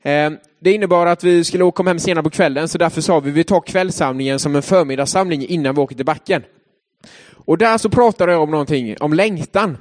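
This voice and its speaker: A young man leads a devotional in a loose storytelling way, his voice sitting a little higher than most men's. He drifts between story and reflection with plenty of hesitant filler sounds, keeping it casual and chatty. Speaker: youth leader giving a devotional talk.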